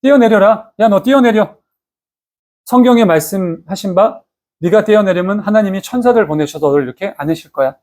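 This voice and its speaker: A man's voice: high voice, brisk, a little mellow, pitched above the performer's own voice, natural voice. A man in a sermon voicing a male devil who coaxes and bosses a listener in a casual, tempting way. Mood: coaxing. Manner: coaxing, bossy, casual.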